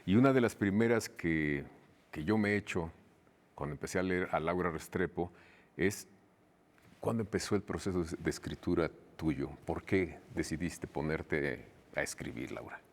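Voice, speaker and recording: A man's voice: deep voice, moderate pace. A man hosting a televised conversation, asking questions and affirming with short replies. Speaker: TV interview host. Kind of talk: conversational interview.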